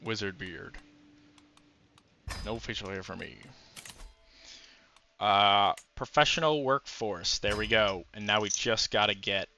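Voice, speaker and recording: A man's voice: on the low side, slow, long pauses, pushed and bright, a little hiss or hum. A man giving casual commentary while playing a strategy game, musing aloud with frequent fillers. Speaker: gameplay commentator.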